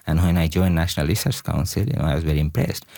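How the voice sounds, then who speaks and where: Low-voiced man from Bangladesh, halting. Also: mellow, no echo. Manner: halting, many "you know" fillers. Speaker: guest researcher. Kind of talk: radio interview.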